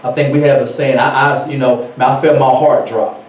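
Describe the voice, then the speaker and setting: Animated man teaching in an echoey hall. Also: medium pitch, normal speed, far from the mic. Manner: animated, reads aloud then riffs in casual speech. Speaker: teacher at a ministry. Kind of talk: sermon-style Bible teaching.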